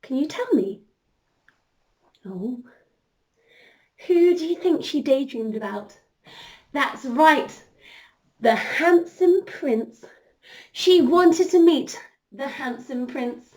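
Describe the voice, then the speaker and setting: A woman whose voice sits high speaks slowly and pauses often while telling young children an interactive story as a princess entertainer. She's animated and encouraging, talking straight to her young audience.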